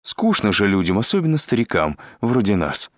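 A man's voice: fairly low pitch, huge pitch swings, moderate pace, no room sound, studio quality. Man doing a chatty old gossip woman. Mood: cheerful. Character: chatty old woman who spreads tall tales.

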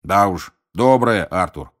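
A man's voice: deep voice, lively intonation, slow. A man voicing a tired, grumpy wizard official who grumbles wearily, in an audiobook reading. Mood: grumbling. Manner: weary, grumbling.

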